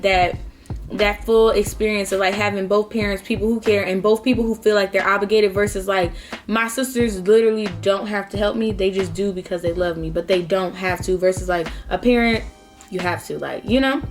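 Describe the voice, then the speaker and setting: A young adult woman talking casually to camera as a vlogger, sharing personal advice. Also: medium pitch. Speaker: mukbang vlogger.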